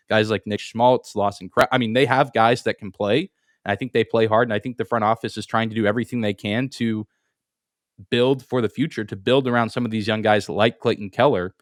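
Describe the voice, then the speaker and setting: In a dry, clean studio recording, a man with a fairly low voice co-hosts a sports podcast. He chats casually, hedges, and often says the start of a phrase twice as he works through his thoughts.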